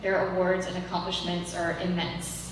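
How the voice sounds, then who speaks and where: A woman's voice: lowish voice, little pitch movement, moderate pace. Woman moderator in an echoey hall. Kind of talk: live panel introduction. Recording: echoey hall, distant, noisy.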